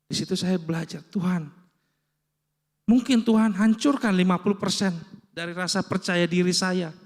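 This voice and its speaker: A man's voice: high voice, normal speed, in a large hall. A man preaching and telling a personal story, acting out the voices of others as he goes. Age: adult with children. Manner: storytelling, acts out quoted dialogue. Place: church hall.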